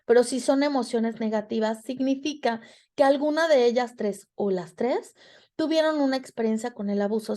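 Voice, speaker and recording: A woman's voice: on the high side, dark tone. A woman with a Mexican Spanish accent giving a reflective talk to students about emotions, speaking expressively and acting out quoted dialogue.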